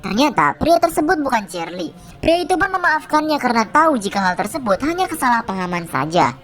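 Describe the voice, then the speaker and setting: Lively high-voiced woman narrating a recap. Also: brisk, faint music behind. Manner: chatty, slangy storytelling. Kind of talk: casual film recap narration.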